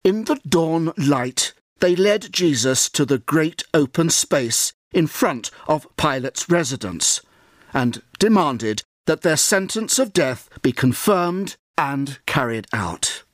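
A man narrating a scripted storybook in a measured, solemn way. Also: a little high, lively intonation, no echo, studio quality.

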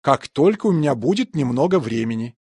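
Husky man reading course phrases. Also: medium pitch, brisk, dry recording, clean studio sound. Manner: even, careful enunciation. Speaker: language course speaker.

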